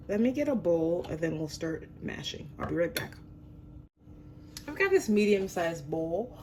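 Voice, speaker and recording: In her home kitchen, a woman hosts a home cooking show, chatting casually and poking fun at herself during the demonstration. Her fairly low voice sounds a little under the weather, as if illness is affecting it, and there's slight background noise.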